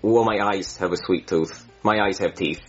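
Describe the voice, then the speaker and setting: A man's voice: deep voice, normal speed, dull audio, faint music behind, voice pushed down, lightly acted. Man playing a jealous, blustering older husband. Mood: eager, blunt. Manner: blustering, stammering. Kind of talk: comedy sketch character voice.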